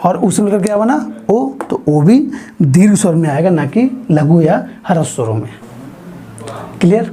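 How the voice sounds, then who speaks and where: A man teaching a grammar lesson, explaining slowly and asking his students frequent questions as he writes on a board. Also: high-pitched, mellow, husky. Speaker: Hindi teacher.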